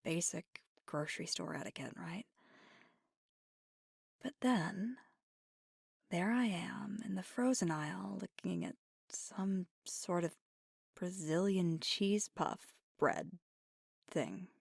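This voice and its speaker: A woman performs a full character voice as a teasing, loving witch girlfriend in an ASMR audio piece, her pitch on the low side. She speaks slowly with long pauses in a soft, breathy tone with gravelly fry, often nearly whispering as she confides, gently amused. The recording is dry and close.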